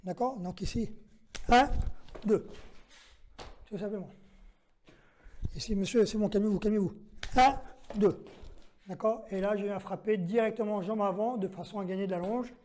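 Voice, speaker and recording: A man's voice: sits high, normal speed, pauses often, darkish tone. A man instructing self-defense who walks through each move step by step, counts out the moves and gives short commands to a training partner. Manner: methodical, counts out moves and checks in with "d'accord?". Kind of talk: demonstration lesson.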